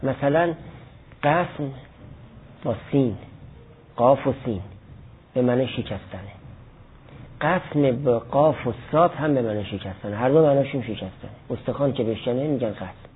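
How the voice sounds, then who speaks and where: A man with a husky, mid-range voice, lively intonation, and long pauses teaches Arabic grammar in a classroom lecture. He explains step by step with examples and answers students' questions, captured on a lo-fi, phone-like recording.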